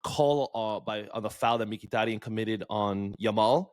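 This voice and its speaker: A man's voice: fairly low pitch, moderate pace, no room sound. A man co-hosting a casual sports podcast, talking enthusiastically in a loose, filler-heavy way. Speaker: podcast co-host.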